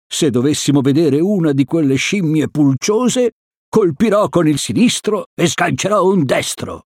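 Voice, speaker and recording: A man's voice: on the high side, expressive, measured pace, a little mellow, dry recording, clean studio sound, pitched above the performer's own voice. A man voicing a carefree, boastful big bear in a storybook reading.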